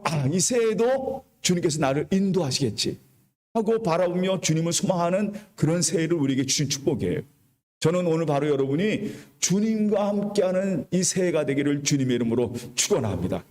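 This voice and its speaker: A male pastor delivers a sermon in a somewhat high voice. He tells the story in a chatty, everyday way and has the congregation repeat his words. The sound carries a long church-hall reverb. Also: a little mellow. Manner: preaching with call-and-response to the congregation; retells the story in colloquial storytelling tone. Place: church sanctuary.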